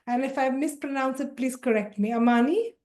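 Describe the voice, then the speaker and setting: Over a video call, a woman with a high, slightly fast, darkish-toned voice runs an online leadership workshop. She introduces the session and warmly calls out participants' names one at a time.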